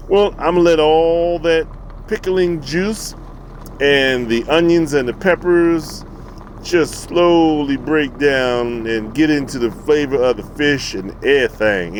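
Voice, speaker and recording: Home cook, male, chatty and goofy, voice swinging up and down, slight hiss behind. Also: medium pitch. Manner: playful, rambling, talks to the food. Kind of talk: casual cooking narration.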